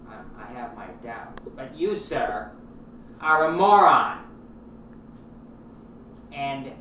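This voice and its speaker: A man playing a condescending talk radio host who rambles with filler words and erupts into yelling at callers. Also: a little high, dull audio. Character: pompous insulting male talk radio host. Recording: echoey, distant, with loud background noise.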